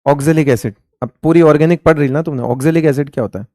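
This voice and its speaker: A man teaching chemistry in Hindi talks fast in a fairly high, slightly mellow voice. During the classroom lecture he repeatedly answers his own questions and calls students beta and raja with affection. The recording is clean studio sound without echo.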